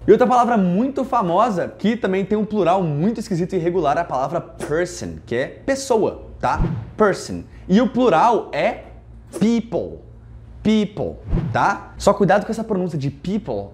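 A man's voice: high voice, darkish tone. A young man from Brazil teaching English in a casual online lesson, jokey and playful, with lots of asides.

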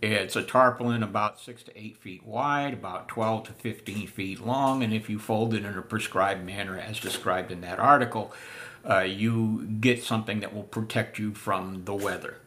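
An older man giving a casual spoken history lesson, unhurried with many filler pauses, seated in a room full of antiques. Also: fairly low pitch, bright, forceful tone, a little hiss or hum. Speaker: living history presenter.

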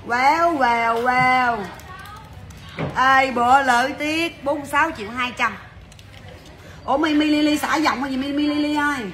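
High bright chatty saleswoman. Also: a little hiss or hum. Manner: chatty, brisk, calls out to viewers. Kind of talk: fast livestream sales patter.

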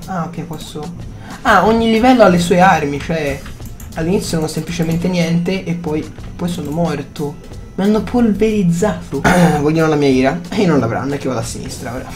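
A man giving excitable, reactive gameplay commentary, swearing casually and talking to his viewers. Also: a little high. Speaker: gaming YouTuber.

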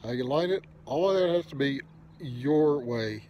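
A man's voice: mid-range voice, animated, normal speed, muffled recording, slight background noise. An older man talking casually with a pipe in his mouth, giving easygoing, rambling advice as the host of an unedited video. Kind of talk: casual unedited monologue to camera.

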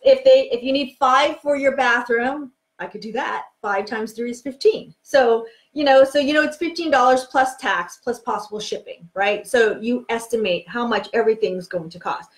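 A woman's voice: fairly high pitch, moderate pace, few pauses. A woman in her forties teaching home renovation planning in a frank, chatty live video from her home office, using a webcam. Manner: frank, chatty, emphatic, with frequent ums.

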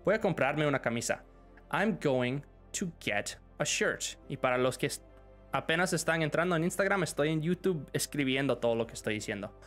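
A man's voice: fairly high pitch, expressive, normal speed, a bit bright. Man, live stream English lesson, switches languages, answers chat, faint music underneath. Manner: switches between Spanish and English, reads questions aloud.

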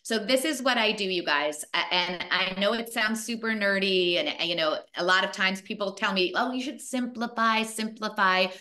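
A woman's voice: medium pitch, normal speed, few pauses. Emphatic woman in her forties on a video call. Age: 40s. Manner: energetic, emphatic, repeats points for stress. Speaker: fitness program creator. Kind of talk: video call talk to business partners.

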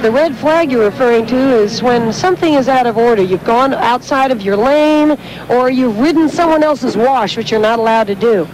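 High-voiced woman calling a kayak race. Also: normal speed, background noise. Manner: explanatory, informative. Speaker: play-by-play commentator. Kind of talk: sports commentary.

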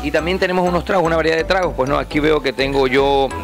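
Young male host, lively on-location interviewer with handheld mic, music behind. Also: on the high side, quick pace. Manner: upbeat, energetic presenter. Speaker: entertainment show host. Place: indoor restaurant, seated at a table.

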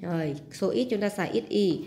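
Here a teacher with a Southern Vietnamese accent goes through homework, rendering English words into her own language one step at a time and ending sentences with particles. Her medium-pitched voice is brisk with a dark tone.

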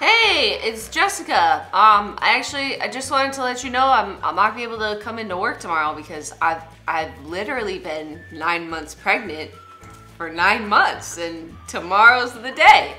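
A young woman making casual prank calls indoors, explaining herself in a deadpan, rambling way. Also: mid-range voice, normal speed, soft background music. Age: young adult. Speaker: prank caller and show host. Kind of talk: casual prank phone call and chat. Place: small indoor room, seated at a table.

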